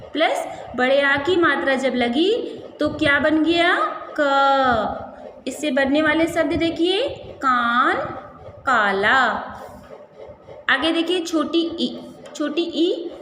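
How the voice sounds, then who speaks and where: Slow, high-voiced woman teaching in an echoey room. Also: fairly bright tone. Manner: stretches out words syllable by syllable, often asks and answers her own questions. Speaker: primary school Hindi teacher. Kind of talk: classroom lesson, slow syllable-by-syllable drilling. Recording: echoey room with faint ambient noise.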